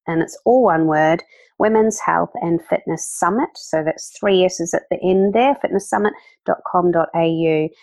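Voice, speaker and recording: A woman's voice: on the low side, darkish tone, dry recording. Enthusiastic woman, dry close sound. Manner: enthusiastic, rambling with fillers. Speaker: event organizer, podcast guest. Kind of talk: casual interview talk.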